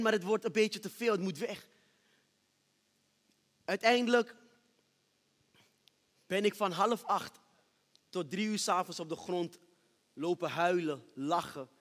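A man preaching a sermon testimony on a church stage, moving from hushed storytelling to loud, shouted praise. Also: high-pitched, moderate pace, pauses often. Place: church stage with reverberant hall. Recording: long hall reverb.

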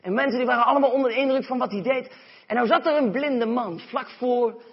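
A man's voice: extremely high pitch, fairly quick, husky. A man from the Netherlands preaching a sermon, telling the story vividly and acting out voices. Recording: dull sound, long hall reverb.

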